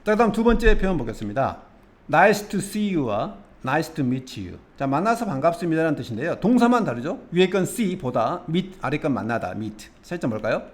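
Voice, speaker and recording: A man leading a calm English lesson with a fairly high voice that climbs and dips a lot. He explains each phrase patiently, step by step, and keeps putting questions to the listener. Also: moderate pace. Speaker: English teacher. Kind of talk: explaining English expressions from film scenes.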